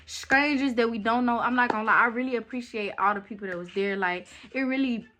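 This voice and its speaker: A young woman telling a story to her viewers in a chatty, animated way. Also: a little high, quick pace. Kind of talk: casual storytime chat.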